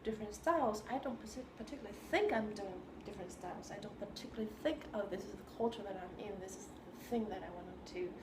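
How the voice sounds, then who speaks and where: In a reflective interview in a New York room, a Chinese composer with a medium-pitched voice thinks aloud haltingly, searching for the right words. Her speech echoes in the roomy space over constant background hiss.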